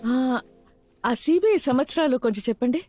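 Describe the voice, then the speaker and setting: A woman dubbing a brisk senior officer who interviews candidates. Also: high-pitched, lively intonation, dark tone, faint music behind. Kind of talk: Telugu film dub dialogue.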